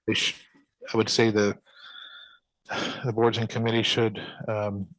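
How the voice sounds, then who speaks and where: A man's voice: lowish voice, flat delivery, measured pace, fairly bright tone, dry recording, poor audio. A man serving as a township supervisor, answering residents hesitantly with many fillers. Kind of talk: meeting discussion. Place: township meeting room.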